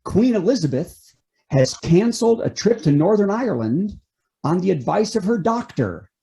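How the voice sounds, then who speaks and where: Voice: medium pitch, very animated, moderate pace, creaky, warm tone. A comedian delivering a topical monologue of punchy late-night jokes, setting up news items and landing punchlines.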